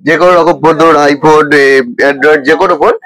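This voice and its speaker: Male shop representative, West Bengal accent. Rapid, unscripted interview explanations, slightly raised pitch. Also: fairly even intonation, a bit bright, low-quality recording.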